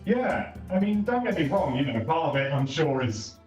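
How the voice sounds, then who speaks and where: On a voice call at home, a man's slightly high, sing-song, darkish voice is picked up at normal speed by a console's built-in mic across the room, with the highs cut off. As a co-host testing the console feature, he chats while moving between rooms, often correcting himself and saying "don't get me wrong," his distant voice carrying over game chat and music.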